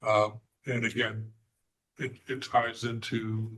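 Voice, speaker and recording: A man presenting a plan at a zoning hearing, hoarse and halting, with many fillers and frequent throat clearing. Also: fairly low pitch, little pitch movement, fairly bright tone, rough recording. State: hoarse, losing his voice. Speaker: applicant's representative. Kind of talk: presenting at a remote board hearing.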